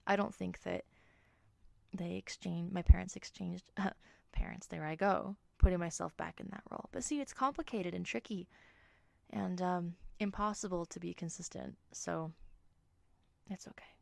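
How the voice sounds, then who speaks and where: Young woman host, gravelly and low-pitched, gentle storytelling that sinks to a whisper, dry close recording. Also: moderate pace, no room sound. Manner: soft, reflective, often drops to a whisper. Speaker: podcast host. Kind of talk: personal storytelling monologue.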